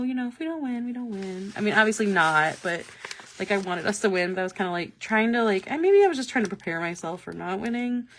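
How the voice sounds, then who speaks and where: A woman hosting a casual live stream, talking excitedly and laughing often, with lots of "like" fillers. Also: mid-range voice. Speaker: planner stencil shop host. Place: office. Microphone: live-stream webcam mic.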